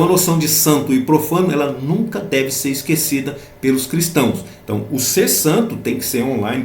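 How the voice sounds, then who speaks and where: A man's voice: medium pitch, a little mellow, echoey room, a little hiss or hum. Man teaching a Bible lesson. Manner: explanatory, repeating points with rhetorical questions. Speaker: Sunday school teacher.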